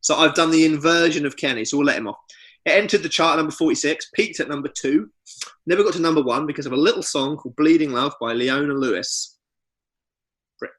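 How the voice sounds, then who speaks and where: Man, podcast co-host, slightly high voice, teasing, trivia-heavy. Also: fast, fairly bright tone. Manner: teasing, reels off chart facts with wry asides. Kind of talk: casual comedy podcast chat.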